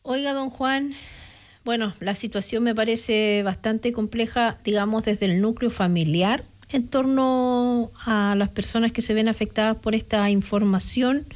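A woman's voice: on the high side, unhurried. A woman hosting a radio call-in interview, speaking to callers in a familiar, caring way. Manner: warm, addresses callers familiarly. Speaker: radio host.

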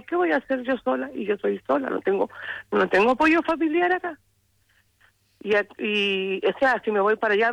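A woman's voice: a little high, vocal fry, no room sound, rough recording. A Chilean woman calling in, telling her situation hesitantly and repeating words. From southern Chile. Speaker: caller. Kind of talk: phone-in testimony.

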